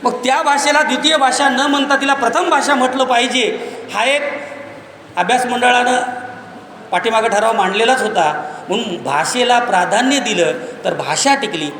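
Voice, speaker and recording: High-voiced man lecturing emphatically in an echoey hall. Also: moderate pace, slight background noise. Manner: emphatic, rising to near-shouts on key points; explains by listing examples. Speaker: speaker on Marathi language and literature. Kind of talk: public lecture. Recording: echoey hall, slightly far off.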